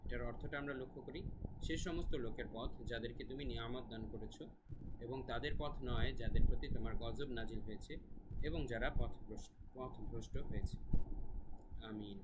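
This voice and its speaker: A man teaching pronunciation of scripture verses, explaining each sound and then reciting slowly with long drawn-out vowels. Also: medium pitch. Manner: scolds a noisy child sharply.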